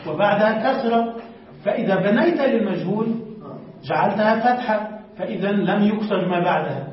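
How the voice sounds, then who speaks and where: A man's voice: high voice, fairly quick, a little hiss or hum. A man teaching a classroom lecture, asking his students questions and answering them himself while repeating word forms. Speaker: sheikh teaching Arabic morphology. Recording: very echoey, distant, dull lo-fi.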